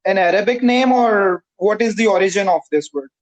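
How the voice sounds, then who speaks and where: A man from Pakistan practicing English over a video call, speaking carefully with many "uh" pauses. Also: high-pitched, rough recording. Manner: careful, hesitant, frequent "uh" pauses. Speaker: English learner. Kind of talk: conversation practice.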